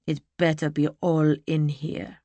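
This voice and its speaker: A woman voicing a gruff, blunt male smuggler in a slow, coarse drawl for an audiobook. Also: low-pitched, flat delivery, warm tone, no echo. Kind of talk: audiobook character voice.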